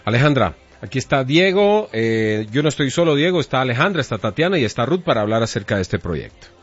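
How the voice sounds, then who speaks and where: A man's voice: medium pitch, very animated, fast, breathy edge. A man from Colombia hosting an interview, asking questions in a friendly, playful way. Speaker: radio host. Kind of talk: casual interview talk. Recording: dull lo-fi with faint music.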